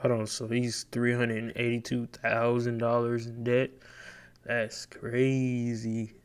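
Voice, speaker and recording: A relaxed man reacting to a video and talking straight to his viewers. His voice comes through smooth and clear on a close mic, easygoing and chatty. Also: medium pitch, takes it slowly. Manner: laid-back, chatty, with filler words. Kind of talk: casual reaction commentary.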